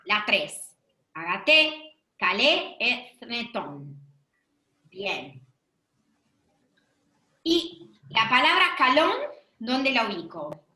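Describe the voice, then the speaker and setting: A woman teaches an online class in a bright, fairly high voice. She speaks slowly, with lively rising and falling pitch, patiently quizzing her students. The sound comes through a computer mic in an echoey room. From Argentina. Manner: patient, questioning, affirming answers.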